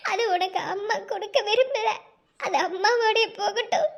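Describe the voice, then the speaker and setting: A woman's voice: extremely high pitch, normal speed, highs cut off. A woman voicing a young mother in a cartoon drama, who speaks tenderly to her child through tears. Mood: tearful tender. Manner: tender, tearful, pleading. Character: tearful, loving young mother.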